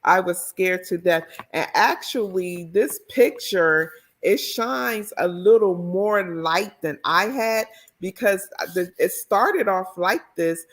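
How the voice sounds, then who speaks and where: Middle-aged woman from the dc area, chatty and expressive, a bit low-pitched. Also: slow. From Washington, D.C. area. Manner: expressive, animated storyteller. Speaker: author and educator. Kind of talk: interview storytelling.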